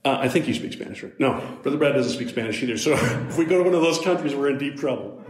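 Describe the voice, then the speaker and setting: Guy doing a motivational talk to a room full of kids, chatty, jumps up loud and high now and then, echoey hall. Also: fast. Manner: animated storyteller with sudden jumps up in pitch and loudness; conversational, with asides to the audience. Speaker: motivational speaker. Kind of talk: live storytelling talk to a youth audience. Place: large hall with a live audience. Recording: roomy live hall sound.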